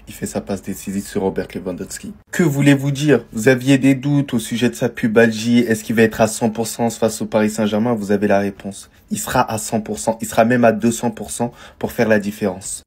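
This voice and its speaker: A man's voice: mid-range voice, darkish tone, breathy edge. A man giving casual football commentary, talking to his viewers and repeating his points for weight.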